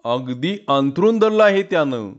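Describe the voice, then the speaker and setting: A man's voice: on the high side, lively intonation, a little slow, lo-fi sound. A man voicing a gossipy village schoolmaster who recounts the news at length. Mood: telling.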